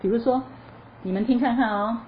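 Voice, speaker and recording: A woman's voice: fairly high pitch, brisk. Woman teaching choir singing, chatty. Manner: lively explanatory, sings short demo phrases; chatty, asks questions then answers them. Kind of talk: spoken music lesson. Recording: slightly dull lo-fi recording with faint noise.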